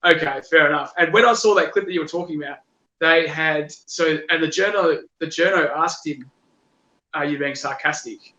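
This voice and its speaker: A man's voice: on the high side, fairly quick, pushed and bright, roomy sound, dull audio. A man with an Australian accent co-hosting a podcast, sarcastic and mock-incredulous in casual talk. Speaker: podcast co-host.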